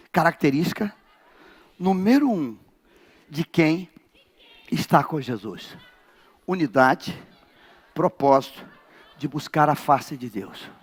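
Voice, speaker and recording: A male pastor from Brazil with a Rio de Janeiro accent, preaching a sermon in a large church, telling a story dramatically and swinging between shouts and near-whispers. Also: fairly high pitch, breathy edge. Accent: Rio de Janeiro Portuguese.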